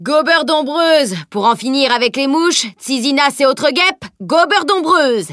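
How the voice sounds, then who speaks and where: A woman voicing a male street merchant who hawks his insect-eating lizard in a high, drawn-out sales call. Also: expressive, fairly bright tone, no room sound, studio quality. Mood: hawking.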